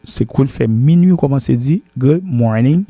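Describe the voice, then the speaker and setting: Man teaching English slowly. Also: mid-range voice, lively intonation, mellow, no room sound. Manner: repetitive, spells words letter by letter. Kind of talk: language lesson.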